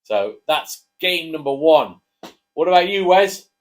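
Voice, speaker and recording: A man's voice: fairly high pitch, animated, a little slow. A man co-hosting a casual chat, jokey and chatty, prompting his co-host to speak. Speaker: co-host, father.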